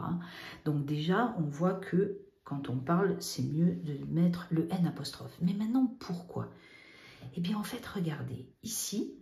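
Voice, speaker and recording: Lively woman teaching kids grammar. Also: sits low, echoey room. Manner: lively, coaxing, spells out examples slowly. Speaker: primary school teacher. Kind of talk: children's grammar lesson.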